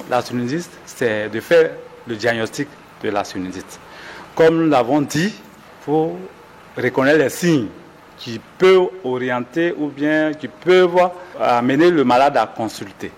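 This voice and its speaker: There's a slight hiss or hum as a doctor with a mid-range voice speaks in a large hall. During the interview he patiently walks through symptoms, measured and explanatory, with many restarts and self-corrections.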